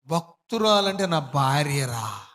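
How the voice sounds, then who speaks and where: A man's voice: on the high side, big pitch swings, slow, a bit bright, voice pushed down, exaggerated voice. A man quoting his stern, indignant older father in a sermon, speaking in a scolding, emphatic way. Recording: hall reverb.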